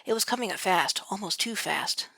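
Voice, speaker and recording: A woman's voice: mid-range voice, lively intonation, moderate pace, gravelly, bright, forceful tone, slightly rough, dry recording. Dry-sounding woman reading her own story. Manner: reads with frequent slips and restarts. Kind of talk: amateur audiobook narration.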